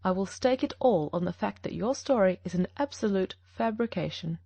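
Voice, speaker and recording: A woman reading an audiobook, voicing a shrewd male detective who speaks in a measured, gently firm way. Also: medium pitch, animated, gravelly, dry recording.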